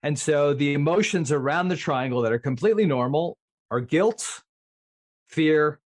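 A man's voice: fairly high pitch, normal speed, a little mellow. A man chatting casually as a guest coach in a podcast interview.

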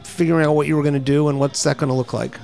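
A man's voice: on the high side, steady tone, racing, creaky, a little mellow, faint music behind. A man hosting a casual interview, musing aloud and ending his points with a questioning "right?". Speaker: podcast host.

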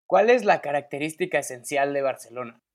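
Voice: medium pitch, animated, fairly quick. Interviewer asking brief questions. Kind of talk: short scripted questions.

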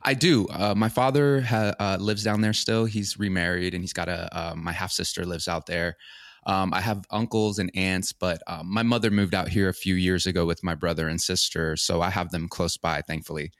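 Man, young adult, very deep voice, halting, many fillers, dry close sound. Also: fairly even intonation, fairly bright tone, dry recording. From grew up in Florida, born in El Salvador. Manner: hesitant, many fillers and restarts. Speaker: actor, interview guest. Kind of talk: casual video interview.

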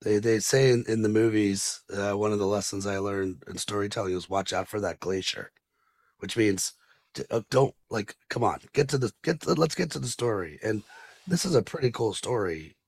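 A man's voice: fairly low pitch, normal speed, a little mellow. A man hosting a podcast interview, talking loosely with many fillers and restarts. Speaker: podcast host.

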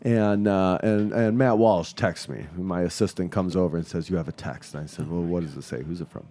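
A man's voice: low voice, brisk, dark tone. A man in his thirties hosting a casual radio show, telling rambling jokey stories. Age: 30s. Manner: joking, rambling storyteller. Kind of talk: casual chat.

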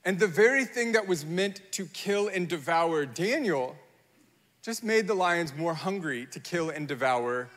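A man preaching a sermon, retelling a Bible story with animated energy and slipping into the voices of its people. His voice sits fairly high for a man. It carries the long reverb of a large hall. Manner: animated storytelling, acting out Bible figures in quotes. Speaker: pastor.

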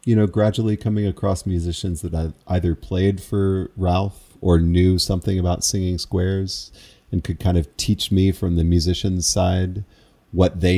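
A man's voice: low voice, warm tone. A man who calls square dances, recalling in a casual interview how he learned his craft, in a meandering, reflective, self-amused way.

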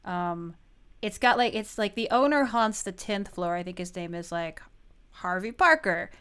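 A woman's voice: mid-range voice, expressive, normal speed, fairly bright tone, clear, resonant tone. A woman in her thirties co-hosting a podcast, chatting casually with lots of "like," restarts and giggles. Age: 30s. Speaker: podcast co-host. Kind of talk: casual chat.

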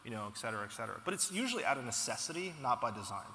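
A man being interviewed as a company founder, telling stories in an animated, casual way with frequent restarts. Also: mid-range voice, rapid-fire. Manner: animated storytelling, frequent restarts and "you know". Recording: echoey hall with long reverb.

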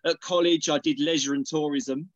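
A man's voice: on the high side, fairly even intonation, normal speed, no room sound, lo-fi sound. A middle-aged man with an Essex accent talking casually as an interview guest, hesitating and repeating words as he thinks. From Essex, England. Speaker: podcast guest, organic dairy farmer.

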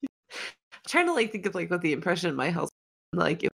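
Rambling young woman with a low voice. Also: big pitch swings, a little fast, vocal fry, fairly bright tone, husky. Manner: rambling, laughs often, self-interrupting. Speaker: podcast co-host. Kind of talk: casual chat.

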